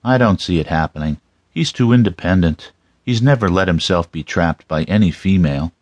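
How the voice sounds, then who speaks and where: A man's voice: sits low, normal speed, a little mellow, no echo. A man voicing a seasoned, wry male detective in audiobook dialogue, matter-of-fact in manner. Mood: dismissive.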